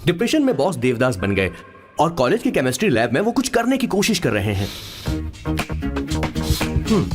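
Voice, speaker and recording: A man's voice: on the high side, huge pitch swings, normal speed, pauses often, soft background music. A man voicing a cheeky young sidekick who narrates, dubbed for a film in a chatty, comic way. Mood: wry. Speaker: assistant and narrator. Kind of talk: Hindi film dub.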